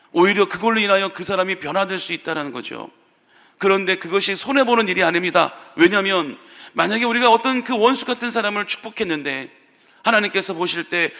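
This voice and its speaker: A male pastor gives an early-morning sermon in a high, bright, ringing voice. He tells the story vividly and acts out the people he quotes. A long hall reverb trails each phrase. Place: church sanctuary.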